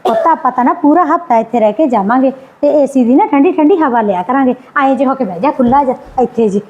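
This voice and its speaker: A woman's voice: high voice, expressive, fast, darkish tone, dull audio. A woman playing a patient mother who pleads and placates while defending her son. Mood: doting. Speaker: visiting daughter and mother.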